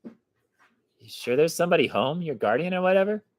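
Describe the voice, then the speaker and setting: A man's voice: on the high side, lively intonation, moderate pace, no echo, voice pushed up, natural voice. A man reading aloud, voicing a bored and annoyed female police officer who asks curt questions.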